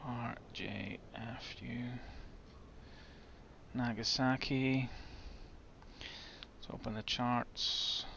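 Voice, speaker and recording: A man's voice: mid-range voice, fairly even intonation, extremely slow, gravelly, long pauses, lo-fi sound, background noise. A man giving casual, chatty commentary as he sets up a flight in a simulator, thinking aloud as he goes. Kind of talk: casual commentary while gaming.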